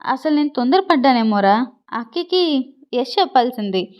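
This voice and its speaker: A woman's voice: sits high, lively intonation, normal speed, clear, resonant tone, dull audio. A woman voicing an angry, sarcastic young man in a read-aloud love story, blunt and scolding. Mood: scornful. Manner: scornful, mocking. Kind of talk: storybook reading.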